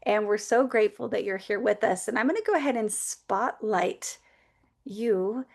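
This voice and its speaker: A woman's voice: mid-range voice, a bit bright. A woman hosting an online call, chatting upbeat through announcements and introducing a guest. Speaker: host. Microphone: video call.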